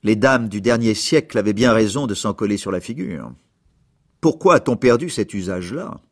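A man voicing a country doctor who speaks slowly and wistfully. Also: on the low side, expressive.

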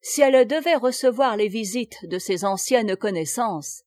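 A woman narrating a classic novel in a measured, theatrical reading style. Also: a little high, animated, darkish tone, dry recording, studio quality. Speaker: audiobook narrator.

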